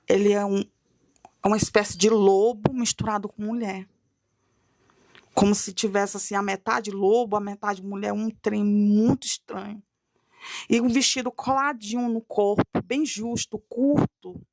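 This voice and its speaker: A woman's voice: medium pitch, fairly even intonation, measured pace, gravelly, darkish tone, no room sound, studio quality. A woman tells a dramatic religious testimony, acting out her own cries for mercy as she goes. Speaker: guest telling a testimony.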